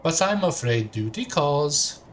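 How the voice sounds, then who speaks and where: A man's voice: on the high side, sing-song, unhurried, slight background noise. A man voicing a tall, mischievous male alien who talks with odd inflections and puts the stress on the wrong words. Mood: sly playful.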